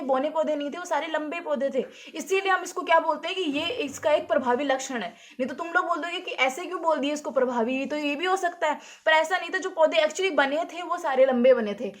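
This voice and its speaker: High-pitched woman teacher, whiteboard lesson, rhetorical questions, repeats herself. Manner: asks rhetorical questions then answers them; repeats key points often.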